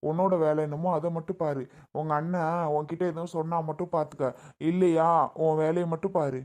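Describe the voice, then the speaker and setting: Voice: mid-range voice, little pitch movement, fairly quick, warm tone, pitched below the performer's own voice, natural voice. A performer voicing a stern middle-aged father who gives curt orders to his daughter in a family drama skit. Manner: curt, commanding.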